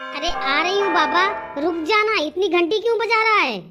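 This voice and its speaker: A voice actor playing a greedy, grumbling mother-in-law in a comedy cartoon, a little lower than the other women. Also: normal speed, loud music behind the voice. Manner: grumbling, lazy.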